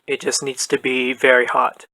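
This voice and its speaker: A man calmly talking through a hair-setting tutorial in a voice-over, soft-spoken and methodical. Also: mid-range voice, moderate pace, vocal fry, no echo, low-quality recording. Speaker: doll hair tutorial host. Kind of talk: calm instructional voice-over.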